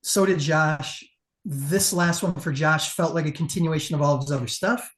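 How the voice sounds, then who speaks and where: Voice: medium pitch, moderate pace, a bit bright. A competition judge giving a casual panel critique in an emphatic, profane, conversational way.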